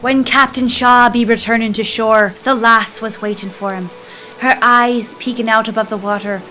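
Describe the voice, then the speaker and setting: A woman narrating a scripted pirate tale in a measured, even read-aloud voice, slipping into pirate phrasing. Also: a little high. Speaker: storyteller.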